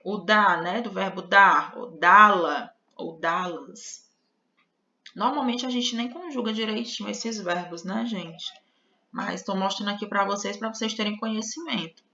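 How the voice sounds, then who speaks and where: Brazilian woman, online grammar teacher, bright tone, conversational asides, somewhat muffled recording. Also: medium pitch, moderate pace. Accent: Brazilian Portuguese. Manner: explanatory, addresses viewers as "gente", frequent "né?" and "ó". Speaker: Portuguese teacher. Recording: slightly dull lo-fi audio.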